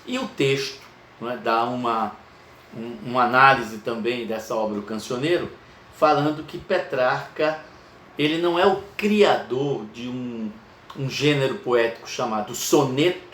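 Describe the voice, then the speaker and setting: A male teacher, giving a recorded lecture in an unhurried way, stretching key words and often asking "não é?". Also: medium pitch, fairly bright tone. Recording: echoey room with faint ambient noise.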